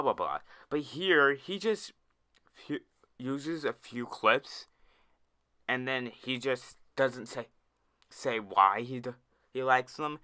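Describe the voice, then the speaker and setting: A young YouTube commentator rants in an online video, exasperated and often stumbling over his words and starting again. His mid-range voice sounds pushed and bright yet smooth, recorded close to a dry mic with no room sound.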